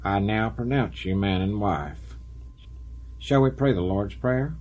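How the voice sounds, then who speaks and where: A man playing a gruff small-town parson in a radio drama. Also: lowish voice, a little slow, darkish tone, lightly acted. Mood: formal. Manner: gruff, grumbling. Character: grumpy male small-town parson, woken at night.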